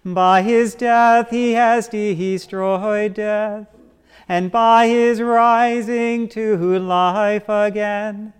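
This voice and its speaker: Man, priest, slow even chanting, cathedral echo, crisp clear voice. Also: sits high. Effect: long cathedral echo. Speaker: priest leading the Eucharist. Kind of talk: chanted liturgy. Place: large church. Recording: long church reverb, faint organ music.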